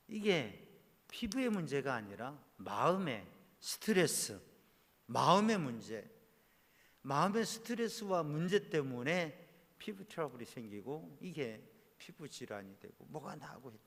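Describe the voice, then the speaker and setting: A man preaching at a church prayer service, asking the congregation rhetorical questions, his voice rising on key words and then falling low. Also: a bit bright. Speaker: pastor. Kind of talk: sermon. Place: church sanctuary. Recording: long hall reverb.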